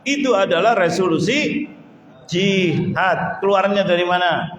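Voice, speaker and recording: Fervent preacher in an echoing mosque. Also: male voice, high voice, unhurried, fairly bright tone, slight background noise. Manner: fervent, rhetorical questions, chanted prayer. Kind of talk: mosque study sermon and prayer. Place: large mosque hall. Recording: echoey hall with long reverb.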